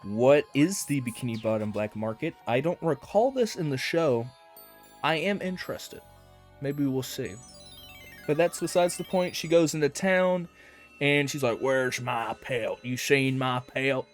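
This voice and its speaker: A man's voice: on the high side, lively intonation, measured pace, soft background music. A man giving a casual, rambling commentary review of a cartoon episode, with lots of fillers and hedges.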